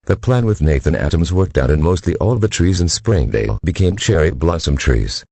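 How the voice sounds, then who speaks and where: At a moderate pace, a man with an extremely low, dark, husky voice with vocal fry delivers stiff, official emergency alerts that sound like scripted public warnings. He is expressive, and his pitch swings noticeably as he reads.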